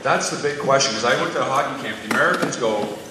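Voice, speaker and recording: A man moderating a school debate in a relaxed, joking way, giving instructions. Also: medium pitch, fast talker. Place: large school gym or hall. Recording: echoey hall, far mic, loud noise.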